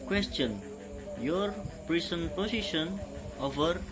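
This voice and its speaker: A man's voice: fairly high pitch, lively intonation, takes it slowly. A man playing a ship's officer in a marine radio demonstration, with formal, clipped call-sign phrases. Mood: formal, procedural.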